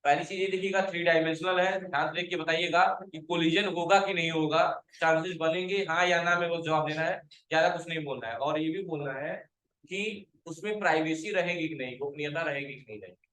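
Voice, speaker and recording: A man's voice: fairly high pitch, fairly even intonation, fairly quick, fairly bright tone, echoey room, low-quality recording. A male computer teacher giving a classroom lecture, quizzing his students, calling them to stand and scolding those who have not understood.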